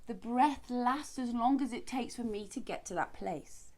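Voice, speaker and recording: A woman instructing as a yoga teacher, guiding breathing in short, measured, spaced phrases. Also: on the high side, warm tone.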